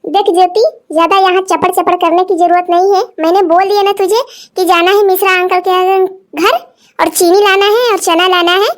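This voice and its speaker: A woman's voice: very high voice, fairly even intonation, moderate pace. A woman voicing a bossy, lecturing elder sister in a cartoon story. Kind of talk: cartoon voice acting.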